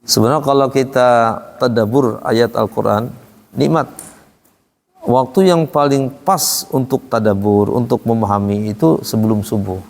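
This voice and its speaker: A man teaching Quran recitation to a small class in a relaxed, chatty way, acting out how questions sound. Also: mid-range voice, unhurried, gravelly. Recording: echoey room with long reverb.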